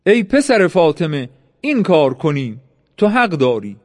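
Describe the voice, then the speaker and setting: A man's voice: fairly high pitch, very animated, a little mellow. A man voicing the lines of a harsh, blustering enemy commander in a raised reading voice. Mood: commanding.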